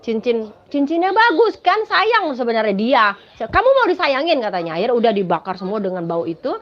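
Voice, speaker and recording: A woman's voice: on the high side, lively intonation, brisk. A woman giving a spoken personal testimony, telling her story dramatically and often addressing listeners as "Saudara". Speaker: testimony speaker. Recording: dull lo-fi recording.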